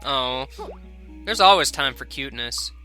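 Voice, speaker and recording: A young man casually commenting on a video game as he plays, rambling and jokey, with sudden loud excited outbursts. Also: mid-range voice, a little slow, music in the background. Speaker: let's play commentator.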